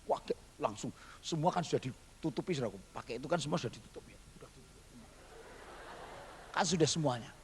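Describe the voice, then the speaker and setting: A man's voice: medium pitch, expressive, fast, long pauses, in a large hall, slight background noise. A male pastor telling a testimony in a sermon, animatedly acting out the voices he quotes.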